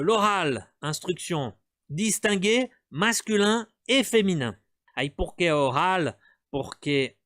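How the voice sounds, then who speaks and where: A man's voice: on the high side, fairly bright tone, dry recording, studio quality. A man teaching beginner French, mixing explanations with French drills and coaxing learners to repeat. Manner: mixes Portuguese and French, coaxing and slow in drills.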